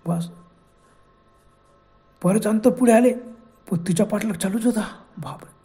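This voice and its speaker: A man's voice: high voice, unhurried, mellow. A man narrating a horror story in a dramatic, suspenseful way.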